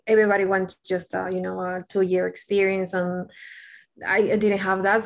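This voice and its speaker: A young woman from Peru with a Peruvian Spanish accent, Spanish her first language, speaking candidly and self-deprecatingly as a guest in a casual interview. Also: mid-range voice.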